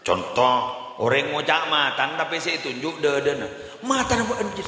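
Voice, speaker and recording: A man preaching a comic Islamic sermon, telling stories animatedly, jumping from high squeals to low mutters and laughing along. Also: animated, moderate pace, pushed and bright. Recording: echoey hall, faint background noise.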